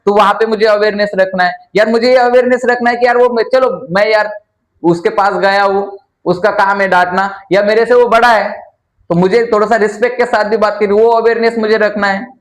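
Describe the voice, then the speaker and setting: A man's voice: high-pitched, fairly even intonation, fairly quick, reverberant. A man teaching a class in a chatty lecture style, quizzing his students and letting them finish his sentences. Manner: chatty, calls listeners "yaar".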